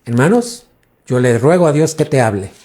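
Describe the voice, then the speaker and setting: A man's voice: mid-range voice, sing-song, normal speed, darkish tone. A man, a pastor preaching a teaching sermon and quizzing his congregation with questions.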